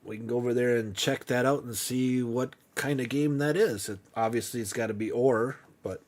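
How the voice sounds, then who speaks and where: A man hosts a casual live game stream, muttering to himself while he plays and laughing easily with a friend. His voice is medium-pitched and his pace moderate, in the manner of relaxed gameplay chat.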